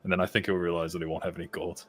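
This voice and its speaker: A man's voice: low voice, little pitch movement, racing, fairly bright tone, faint music behind. A man playing a tabletop role-playing game in casual, half in-character table talk.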